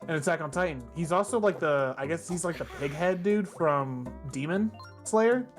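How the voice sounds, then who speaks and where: This streamer speaks at an ordinary middle pitch and doesn't hold back opinions, dropping curses all through casual gaming-stream chat. Faint game music plays quietly behind the voice. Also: expressive, moderate pace. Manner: blunt, opinionated, swears often.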